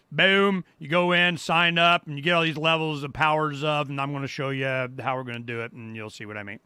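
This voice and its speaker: A middle-aged man hosting his own show, walking viewers through a website in a loose, rambling way and exclaiming "boom" often. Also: sharp tone, smooth, dry recording. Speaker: radio show host. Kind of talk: casual live-stream walkthrough. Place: home studio.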